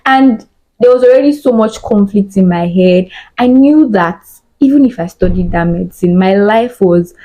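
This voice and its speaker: A woman's voice: mid-range voice, lively intonation, normal speed, mellow, rough recording. A Nigerian woman in her twenties telling a personal story in a candid, emotional way, often repeating words for emphasis. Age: 20s. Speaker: podcast guest. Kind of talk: casual storytelling chat.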